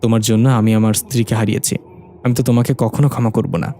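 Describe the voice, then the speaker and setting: A grieving father who turns harsh and unforgiving, as a male storyteller reads him. He speaks in a mellow, dark tone with soft music underneath. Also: on the low side, flat delivery, fast, close to an everyday voice. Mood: stern. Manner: stern, harsh.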